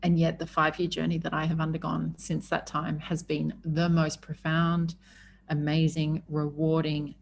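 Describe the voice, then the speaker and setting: Woman, slightly low voice, candid podcast monologue, effusive and emphatic, drawn-out words, faint background noise. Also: vocal fry. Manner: effusive, emphatic, swearing freely. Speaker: podcast host.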